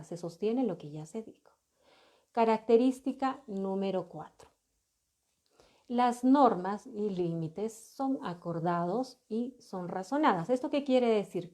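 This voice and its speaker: A woman giving a calm, explanatory lesson to parents, often pausing with rhetorical questions. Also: mid-range voice. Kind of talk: educational talk to parents.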